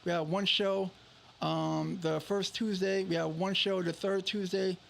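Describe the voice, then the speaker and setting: Gravelly New man, fairly high voice. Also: flat delivery, measured pace, fairly bright tone. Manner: hesitant, many fillers and restarts. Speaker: event promoter guest. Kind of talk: casual radio interview.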